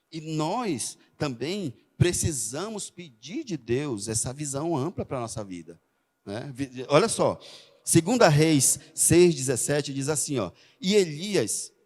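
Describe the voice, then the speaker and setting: Middle-aged guy preaching, chatty storytelling, keeps asking the crowd, voice a bit high, big church echo. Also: a little mellow. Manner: conversational, frequent "né?" tag questions. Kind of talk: sermon with personal stories. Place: church sanctuary. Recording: long church hall reverb.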